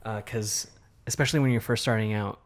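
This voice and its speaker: In his thirties, this artist co-hosts a casual podcast, thinking things through aloud with plenty of fillers and restarts. His voice is fairly low and fairly even in intonation, and he talks briskly.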